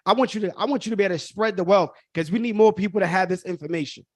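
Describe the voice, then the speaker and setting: A man's voice: high-pitched, very fast, no room sound, studio quality. Emphatic Brooklyn man hosting a workshop. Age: 30s. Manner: emphatic, repetitive, addresses audience as y'all. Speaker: workshop host. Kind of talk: live online workshop talk.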